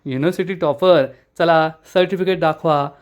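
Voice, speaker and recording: A man's voice: fairly high pitch, fairly even intonation, moderate pace, muffled recording, natural voice. A man reading out a joking breezy young guy. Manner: playful, reassuring. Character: cheeky young man, joking and fast-talking.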